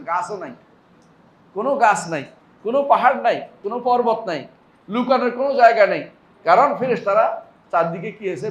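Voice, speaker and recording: A man's voice: sits high, fairly bright tone. A man with a Bangladeshi Bengali accent giving a sermon on hadith in a mosque, reciting Arabic verses and asking the audience rhetorical questions. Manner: asks the audience rhetorical questions and answers them; recites Arabic verses, then explains them. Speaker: Islamic scholar giving a weekly lesson. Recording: echoey mosque hall.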